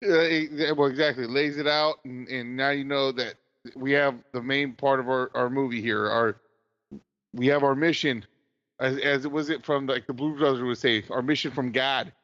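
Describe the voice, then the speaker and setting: A man's voice: mid-range voice, steady tone, a bit bright. A man guest on a podcast, chatting casually and repeating words as he gets going. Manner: halting, repeats words as he starts. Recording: dull lo-fi sound with long reverb.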